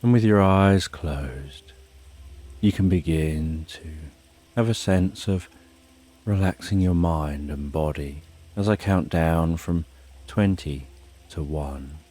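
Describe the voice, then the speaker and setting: A man narrating a sleep story as a slow, soothing, hushed guided relaxation, with soft music and rain behind him. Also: deep voice. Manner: soothing, unhurried, hushed delivery.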